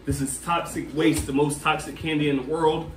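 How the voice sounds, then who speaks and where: A man's voice: a little high, level tone, moderate pace. A man casually hosting a challenge, addressing the group, counting down and explaining the rules. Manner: addresses a group with y'all and guys. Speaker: host of a candy challenge. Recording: echoey room, distant mic, background noise.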